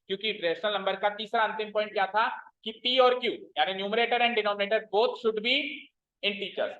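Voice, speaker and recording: A man's voice: high-pitched, fairly bright tone. A man teaching maths to a class, stern and repetitive, quizzing his students as he explains. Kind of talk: classroom lecture. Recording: roomy, dull lo-fi classroom recording.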